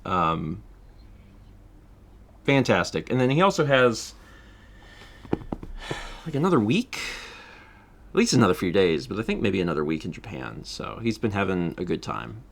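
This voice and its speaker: A man's voice: lowish voice, sing-song, normal speed, vocal fry, long pauses, slight background noise. A man chatting casually on his livestream, laughing often and reading out viewer donations. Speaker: streamer.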